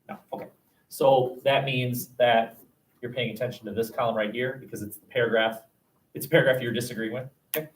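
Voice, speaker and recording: A man teaching a high school class, dictating word by word with punctuation spelled out and repeating his instructions. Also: slight background noise. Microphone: distant webcam microphone. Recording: echoey classroom, distant webcam microphone.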